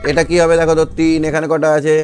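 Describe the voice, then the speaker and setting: A male math teacher running an online class. His voice sits a little high, and he talks patiently, posing a question and then answering it himself. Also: completely flat delivery, quick pace, music in the background. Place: online class on a video call.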